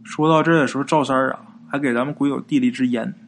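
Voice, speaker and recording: A man's voice: mid-range voice, fairly even intonation, racing, gravelly, a little hiss or hum. A man narrating a ghost story in a chatty, colloquial way.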